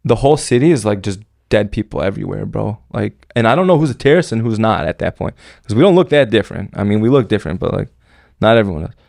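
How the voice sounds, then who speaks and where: A man's voice: on the low side, lively intonation, quick pace, vocal fry, a little mellow, dry recording, studio quality. A man telling a story as a podcast guest, in casual, rambling speech full of slang and fillers. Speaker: podcast guest recounting military service.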